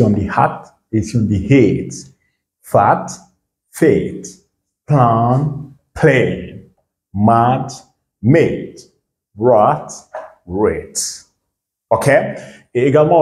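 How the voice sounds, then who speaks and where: Male language teacher, deep mellow voice, bilingual lesson delivery, reverberant room. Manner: switches between English and French, checks in with "right?" and "ok?". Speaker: English teacher. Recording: echoey room.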